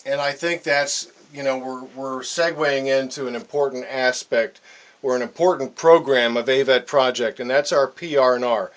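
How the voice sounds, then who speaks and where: A man hosting a radio interview, speaking earnestly in deliberate phrases. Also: medium pitch, fairly even intonation.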